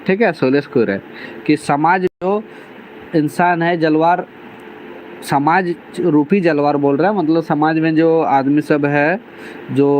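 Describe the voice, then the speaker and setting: A man's voice: fairly high pitch, a little mellow, a little hiss or hum, rough recording. A man, teaching a class by reading lines from a novel and explaining each one in plain words. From Jharkhand, India. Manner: reads dialect lines aloud, then restates them plainly with many 'theek hai' fillers.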